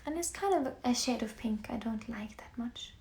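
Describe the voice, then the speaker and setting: A young Norwegian woman with a Norwegian accent, chatting softly on a livestream while she paints, often slipping into near-whispers. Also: fairly high pitch, expressive, moderate pace. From Norway. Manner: soft-spoken, often drifting into near-whispers. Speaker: musician live-streaming to fans. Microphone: phone. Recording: echoey room with faint background hiss.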